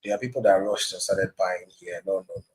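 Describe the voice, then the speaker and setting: Husky-voiced man on a video call. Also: low-pitched, brisk, a little mellow. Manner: walks through a price chart step by step. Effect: voice heard over a video call. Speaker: crypto trading host sharing his screen. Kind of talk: casual market analysis.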